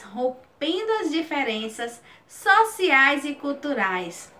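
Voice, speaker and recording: Young woman teacher, high and slow, clear explanations, sing-song verse recitation. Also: bright, forceful tone. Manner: explains slowly, then recites rhymed verse with a lilting rise. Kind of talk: recorded video lesson with recited verse.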